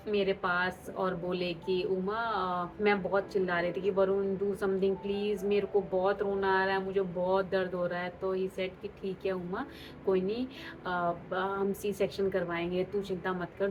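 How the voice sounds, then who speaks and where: A woman's voice: mid-range voice, dull audio, noisy background. A young woman vlogger telling a personal story in an emotional way, mixing Hindi and English.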